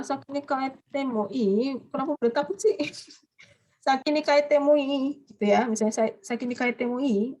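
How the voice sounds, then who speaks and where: A woman teaching a language class online, lively and coaxing students with quick questions. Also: on the high side.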